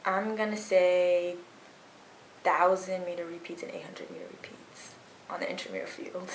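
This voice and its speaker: A woman of 21 with a lowish voice answers interview questions in an easygoing way. Her phrases often fade off softly, and the recording carries a roomy echo. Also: big pitch swings, normal speed, a little hiss or hum. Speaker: college cross-country runner. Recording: echoey room.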